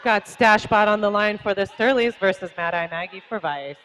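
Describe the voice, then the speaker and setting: Chatty roller derby commentator, mid pitch. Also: normal speed, over music, poor audio. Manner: chatty, filler-heavy, laughs easily. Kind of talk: live play-by-play commentary. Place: live roller derby event.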